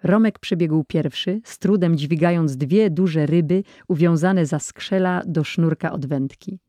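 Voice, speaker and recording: Mellow even audiobook narrator, dry close sound. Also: medium pitch, measured pace, no echo. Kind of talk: audiobook reading.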